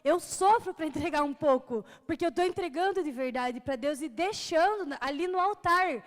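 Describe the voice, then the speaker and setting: A woman's voice: high-pitched, expressive, normal speed, long reverb tail. A young woman with a Brazilian Portuguese accent giving a personal testimony in church, earnest and conversational, laughing often between phrases.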